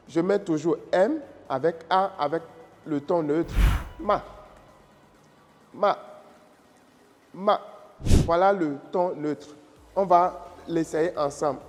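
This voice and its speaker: A man's voice: high voice, darkish tone. A man teaching a lesson, patiently explaining and repeating key points. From Africa. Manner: patient, repeats key phrases, checks understanding. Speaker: Mandarin teacher and channel host. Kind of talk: slow explanatory lesson with tone demonstrations. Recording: reverberant room with faint music.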